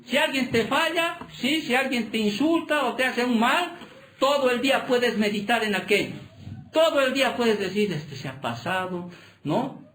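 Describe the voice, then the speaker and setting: A man's voice: extremely high pitch, moderate pace, a bit bright. A man, a pastor, preaching a sermon and pressing the congregation with constant rhetorical questions. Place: church hall. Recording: echoey church hall.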